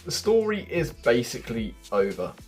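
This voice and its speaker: With background music playing, this man hosts a video and chats casually about gaming, addressing his viewers directly. His mid-range voice has a sing-song quality and moves at a moderate pace; he's a video game news YouTuber.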